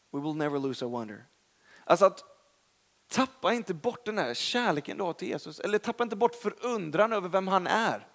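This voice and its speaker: With a high voice and a Swedish accent, this young man delivers a sermon through chatty storytelling. His emphasis is lively and his humor self-deprecating.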